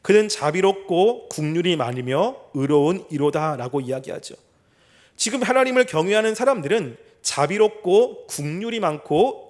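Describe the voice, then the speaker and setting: In a church sanctuary, a middle-aged male pastor with a high voice preaches a sermon. He poses rhetorical questions and reads scripture slowly and deliberately.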